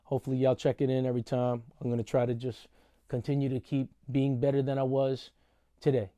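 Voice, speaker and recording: A man who is a podcast host and referee talks casually in a vlog monologue, relaxed and conversational, frequently saying "y'all." His voice is medium-pitched and fairly quick, and the recording is dry.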